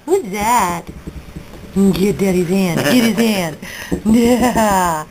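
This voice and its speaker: A woman's voice: medium pitch, slow pace, darkish tone, a little hiss or hum, poor audio. A woman who breeds dogs, cooing baby talk to puppies in a sing-song voice indoors at home. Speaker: dog breeder filming puppies. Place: indoors, home kitchen area.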